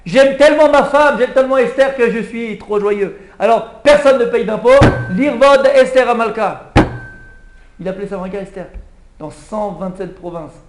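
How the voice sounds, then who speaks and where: A rabbi with a high voice tells the story to a small class in a lively way and plays out the king's pleading. The room rings with echo, and a faint hum runs underneath. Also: moderate pace. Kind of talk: Purim Torah class.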